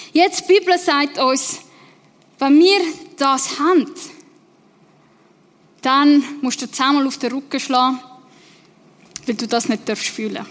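A woman with a Swiss German accent preaching a sermon in a lively, conversational way, slowing down for emphasis. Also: high-pitched. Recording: long reverb in a large hall.

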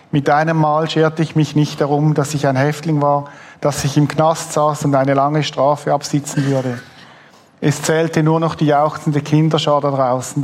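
A man's voice: a little high, a little mellow. A man hosting an interview, reading a book passage aloud and murmuring agreement. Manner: attentive, frequent murmured agreement. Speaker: host, interviewer.

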